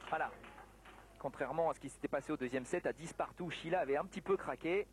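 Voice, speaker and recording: A man provides live commentary on a table tennis match, talking fast in a fairly high voice. The broadcast comes from a noisy sports hall, with the ambience of the venue audible behind him.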